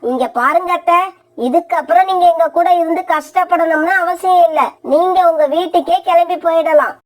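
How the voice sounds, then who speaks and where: A woman voicing a harsh, scheming mother crow in a cartoon, sharp-tongued and threatening. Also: extremely high pitch, steady tone, moderate pace. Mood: mocking. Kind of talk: cartoon voice acting.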